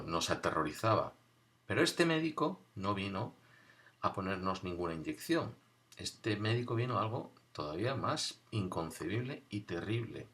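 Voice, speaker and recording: Low-voiced man telling a wry memory. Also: a bit bright. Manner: conversational, wry, with halting restarts and pauses. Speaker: storyteller recalling his boarding school. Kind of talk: spoken personal storytelling.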